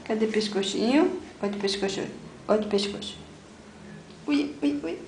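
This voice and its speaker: A woman's voice: fairly high pitch, animated, normal speed, a little mellow. A woman coaxing a baby in sing-song baby talk in a home video. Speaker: caregiver talking to a baby. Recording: echoey room with background noise.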